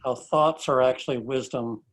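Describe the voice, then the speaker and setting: A man's voice: medium pitch, moderate pace. A man in a study group raising a point, restarting his phrases as he goes. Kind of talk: casual question in a discussion.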